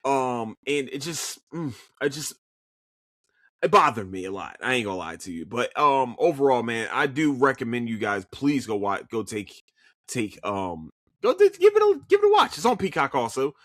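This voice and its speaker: A man with a Philadelphia accent hosts a podcast on his own, casually chatting about shows he's watched. His mid-range voice moves at a normal speed, and he's animated, swearing freely and often restarting sentences with stammered repeats. The recording is studio quality with no echo.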